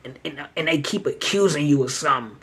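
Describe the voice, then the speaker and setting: Husky-voiced man hosting street commentary. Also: a little high, fairly quick. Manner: street slang, loose rambling talk. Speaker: show host. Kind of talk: casual commentary.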